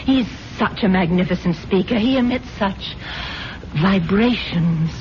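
A woman's voice: medium pitch, unhurried, a little mellow, a little hiss or hum, natural voice. A woman playing a dreamy, earnest, wealthy wife, airy and gushing, in a radio drama. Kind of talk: 1970s radio drama acting. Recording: dull 1970s radio recording, music behind.

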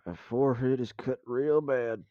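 A man voicing a blunt, urgent male police officer, read slowly and with emphasis. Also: mid-range voice, steady tone, no echo, narrow, tinny audio, lightly acted. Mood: pained.

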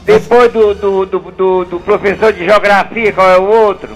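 A man chatting as a studio guest on the radio, slow and gossipy, stumbling over words. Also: sits high, fairly even intonation, faint music behind, rough recording. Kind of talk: casual radio chat.

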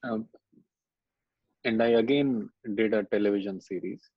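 North Indian man, hesitant conversational speaker, raspy edge, muffled sound. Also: fairly low pitch, a little slow. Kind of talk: conversational coaching discussion. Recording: dull, roomy, lo-fi recording.

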